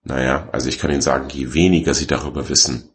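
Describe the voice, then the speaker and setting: A man voicing a glum cable technician who speaks low and flat. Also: fast. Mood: ominous. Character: gloomy deadpan male cable technician.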